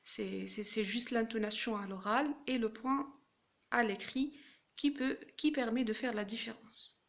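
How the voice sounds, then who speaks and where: A woman teacher explaining French grammar in a slow, careful way, giving examples as she goes. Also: fairly high pitch, creaky. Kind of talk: grammar lesson.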